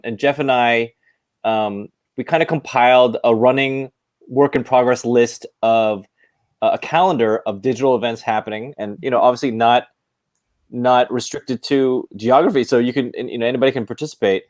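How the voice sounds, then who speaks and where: A man podcaster talking in a relaxed, joking way in a casual discussion over a video call. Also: mid-range voice, no echo, clean studio sound.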